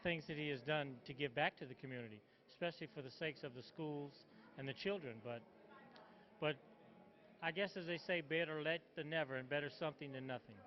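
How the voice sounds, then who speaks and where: A man's voice: on the high side, fairly quick. A man being interviewed about his father's honor, speaking in a proud, emphatic way. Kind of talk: casual interview. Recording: muffled lo-fi video sound.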